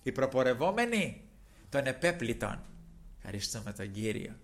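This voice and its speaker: A man preaching a sermon who swings between loud, impassioned exclamations and quiet, low asides, often breaking off to thank the Lord and to call out to his brothers. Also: very animated. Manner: keeps repeating thanks to the Lord and addressing the brothers.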